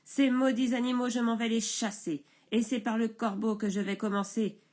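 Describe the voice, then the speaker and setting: A woman voicing a big blustering male woodcutter in a storybook reading, shouting in indignant outbursts. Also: high-pitched, moderate pace, natural voice. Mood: threatening.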